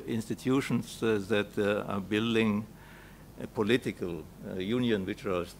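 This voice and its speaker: A man with a German accent speaking haltingly at a conference round table, with many filled pauses and repeated words. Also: lowish voice. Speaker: panel speaker. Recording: noisy live conference room recording.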